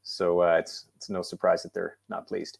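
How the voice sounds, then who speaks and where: Man, interview host, casual, upbeat, relaxed, filler words. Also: deep voice, normal speed, vocal fry, slightly rough.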